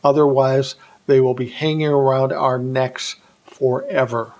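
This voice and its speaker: An American political commentary vlogger gives an opinionated monologue in blunt, colloquial, emphatic terms, asking rhetorical questions and answering them himself. His mid-range voice is a little slow and a little mellow, with little pitch movement.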